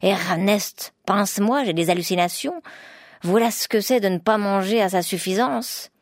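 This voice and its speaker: A woman voicing a grumbling poor woodcutter's wife who talks in a shrill, bitter, quarrelsome way. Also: normal speed, no room sound, natural voice. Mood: bitter complaining.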